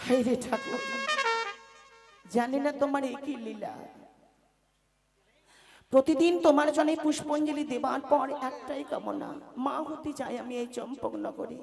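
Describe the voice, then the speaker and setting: A woman's voice: high-pitched, steady tone, unhurried, pauses often. A woman playing an aging queen longing to be a mother, speaking in a pleading, sing-song folk-drama manner over music. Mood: lamenting. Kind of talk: folk stage drama acting.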